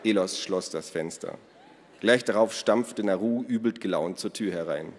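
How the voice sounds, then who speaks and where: A man narrating a children's story in a lively storytelling way. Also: lowish voice, moderate pace. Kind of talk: audiobook reading. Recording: long reverb.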